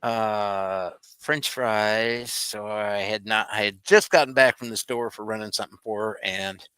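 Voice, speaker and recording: Bright, clear-voiced man chatting casually. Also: fairly low pitch, fairly even intonation, a little slow, no echo. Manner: folksy, rambling, self-deprecating. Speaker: co-host. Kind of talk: casual live-stream chat.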